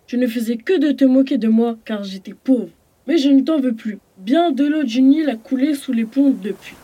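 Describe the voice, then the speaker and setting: A woman's voice: sits high, normal speed, dark tone, husky, highs cut off. A kind young man friend. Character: kind young man Ibrahim, once-poor classmate.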